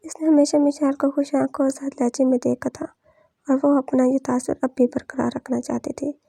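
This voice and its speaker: A woman reads a novel aloud in a steady, scripted storytelling manner. Her voice is high yet very dark in tone, with gravelly fry and a husky edge. The recording is dry and close, with no room sound. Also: normal speed, no room sound. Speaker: audiobook narrator.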